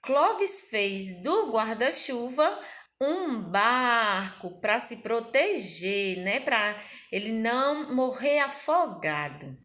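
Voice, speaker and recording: A woman teacher from Brazil walks small children through a recorded lesson. Her voice sits a little high. She speaks gently, with fond little words and frequent "right?" checks. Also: expressive, slow. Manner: gentle, uses diminutives and rhetorical questions. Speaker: primary school teacher.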